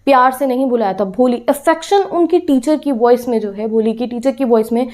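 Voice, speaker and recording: A woman's voice: a little high, brisk, darkish tone. A woman teacher explaining a class 10 English chapter to students, patiently retelling the story and mixing in English phrases. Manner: explains patiently, mixes English phrases, checks in with "theek hai".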